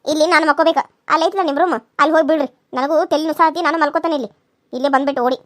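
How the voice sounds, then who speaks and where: A woman's voice: high-pitched, fairly even intonation, fairly bright tone, no echo. A woman doing a scolding village wife with a North Karnataka accent. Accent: North Karnataka Kannada. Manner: scolding, sarcastic, rapid-fire. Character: sharp-tongued village wife, scolding her drunk husband. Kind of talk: cartoon serial voice acting.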